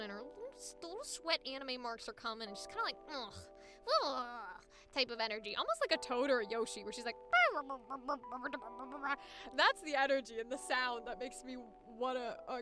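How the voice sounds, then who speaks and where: A young woman with a high voice chats casually about voice acting during a live stream, sometimes trying out squeaky character voices. She's an animated voice actor talking at a moderate pace over music.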